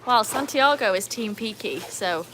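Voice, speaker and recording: Beside her backyard pool, an English-accented livestream host from England chats away, laughs often, and calls to her dogs. Her voice is a little high with lively intonation and an unhurried pace, and the background is noisy.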